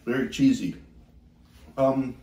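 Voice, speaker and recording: Slow-talking man chewing a mouthful. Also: mid-range voice, dark tone, echoey room. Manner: rambling, hesitant, thinks aloud. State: mouth full. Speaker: food reviewer. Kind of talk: casual food review vlog.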